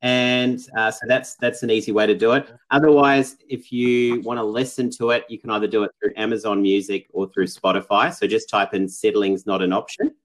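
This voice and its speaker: A man's voice: lowish voice, fairly even intonation, a little fast, hardly any pauses, poor audio. A man, a guest on a podcast, talking casually and reflectively, with many fillers and restarts. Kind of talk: casual interview talk.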